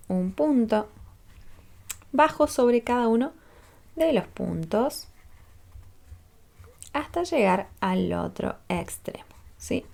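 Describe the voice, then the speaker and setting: A woman's voice: a little high, vocal fry, darkish tone. A woman, patiently teaching a crochet tutorial step by step and checking in with listeners as she counts rows aloud. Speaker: crochet instructor.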